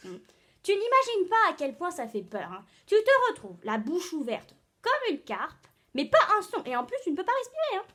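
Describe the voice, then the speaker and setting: A woman's voice: high-pitched, a bit bright. Woman playing a dramatic, complaining aunt. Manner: breathless, dramatic storytelling with many fillers. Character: chatty hypochondriac older aunt on a video call. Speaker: drama student. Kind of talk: stage monologue acting.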